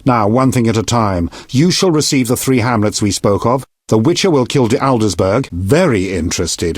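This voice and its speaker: A man's voice: medium pitch, a little mellow, dry recording, clean studio sound, lightly acted. An actor playing a blunt, foul-mouthed, commanding middle-aged king in a fantasy video game, speaking with regal authority. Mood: businesslike. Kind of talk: video game character dialogue.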